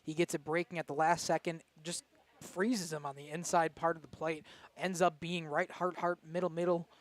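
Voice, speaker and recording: A man providing color commentary at a baseball game. He breaks down pitches and trades playful boasts with his partner. His voice sits a little higher than most men's. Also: level tone, normal speed. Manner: playful, jokey, boastful in banter.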